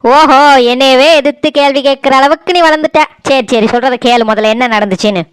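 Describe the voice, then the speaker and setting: A sharp-tongued older mother-in-law, voiced by a woman with a Tirunelveli Tamil accent, accusing and self-pitying by turns. The voice sits a little high and sounds smooth and clean, recorded dry and close for a cartoon. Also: fairly quick, no echo, close to an everyday voice. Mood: indignant. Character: domineering older mother-in-law, quick to scold. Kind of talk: cartoon voice acting.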